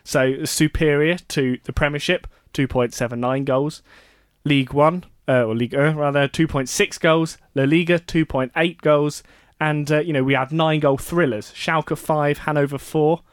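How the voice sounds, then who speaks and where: A man's voice: fairly high pitch, steady tone, moderate pace, smooth, no echo, studio quality. Chatty male sports radio host. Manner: chatty, laughs often, self-correcting. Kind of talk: casual radio chat.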